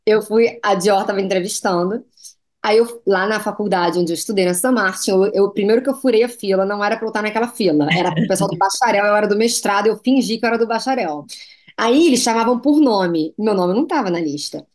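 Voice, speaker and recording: A Brazilian woman with a Brazilian Portuguese accent, a fashion designer telling lively anecdotes as a guest in a TV interview. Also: medium pitch, fast. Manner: lively anecdotes, slips into foreign phrases. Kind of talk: TV interview storytelling.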